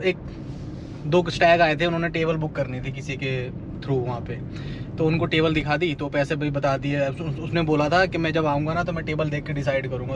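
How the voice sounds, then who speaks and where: Fast-talking Delhi vlogger man, chatty. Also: a little high, noisy background. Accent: Delhi Hindi. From India. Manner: chatty, keeps saying "bhai", laughs while telling a story. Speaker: nightlife vlogger. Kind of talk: casual vlog storytelling. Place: in and around a car on city streets.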